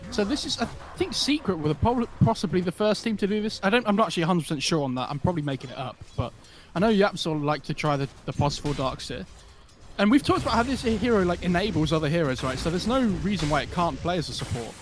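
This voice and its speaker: Male analyst co-caster, very fast and rambling, slightly high pitch, self-correcting, light background noise. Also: expressive. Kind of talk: color commentary.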